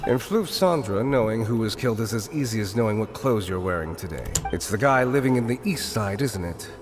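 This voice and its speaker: A man's voice: fairly low pitch, expressive, a little fast, close to an everyday voice. A man playing a world-weary, guarded underworld informant in an anime game dub, with a dry, cautionary way of talking. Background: game music.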